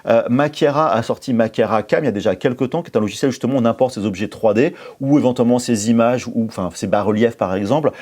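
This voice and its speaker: A man's voice: medium pitch, fast talker, hardly any pauses, darkish tone. Hesitant French-speaking man reviewing a machine. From France. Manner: hesitant, many fillers and restarts. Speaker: maker channel host reviewing a CNC machine. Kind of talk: casual product review talk.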